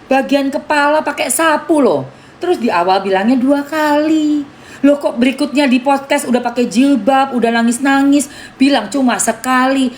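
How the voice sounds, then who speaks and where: Woman, indignant live-stream chat, fairly high voice, faint background hiss. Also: normal speed. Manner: talks to viewers by name, argues indignantly; calls herself [name]. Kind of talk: casual live-stream commentary.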